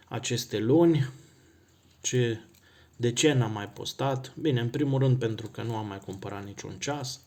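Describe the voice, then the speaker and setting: A man's voice: lowish voice, gravelly. Man musing casually over a watch. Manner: relaxed, thinking aloud with pauses and self-corrections. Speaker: watch collector vlogger. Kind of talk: casual unboxing talk.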